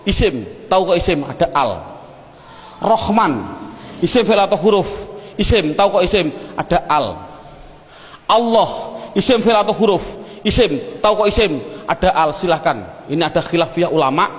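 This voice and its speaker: A man's voice: sits high, animated, normal speed, big-room sound. A man teaching Arabic grammar as a classroom lecture, asking questions and answering them himself.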